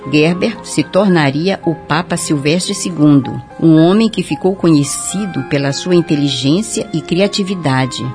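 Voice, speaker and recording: A woman playing a kindly old grandmother who tells scripted stories to children, with drawn-out singsong phrase endings. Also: deep voice. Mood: storytelling.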